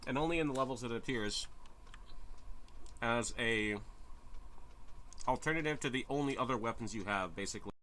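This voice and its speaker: A man's voice: mid-range voice, normal speed, pauses often, sharp tone, slight background noise. Rambling wry man streaming a game. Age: 30s. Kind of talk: casual live-stream commentary.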